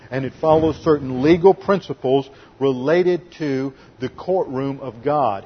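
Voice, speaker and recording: Male pastor, mid-pitched, slightly husky, methodical teaching sermon, muffled lo-fi recording. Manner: deliberate teaching tone, stresses and slows key words. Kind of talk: expository Bible teaching sermon.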